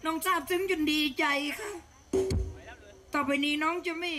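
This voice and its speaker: A woman's voice: very high-pitched, fairly even intonation, normal speed. A woman voicing a gushing, tearful young sister in a shadow-puppet play, with a sweet, exclaiming manner. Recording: live folk music behind.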